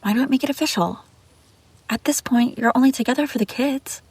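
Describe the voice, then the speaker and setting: Voicing a young babysitter who is scheming and obsessive, a woman delivers a confessional, intimate audio roleplay, defensive and pleading as her hesitation turns to insistence. Her high-sitting voice is brisk, slightly rough and darkish in tone, captured close and dry without echo.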